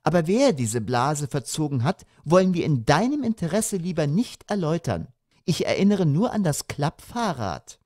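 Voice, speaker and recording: A man playing a sharp-tongued mother. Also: fairly high pitch, animated, moderate pace, few pauses, dry recording, clean studio sound, pitched above the performer's own voice. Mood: pointed. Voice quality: pointed, sugary-sharp. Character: sharp-tongued middle-aged mother, prim and pointed. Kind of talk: audiobook character reading.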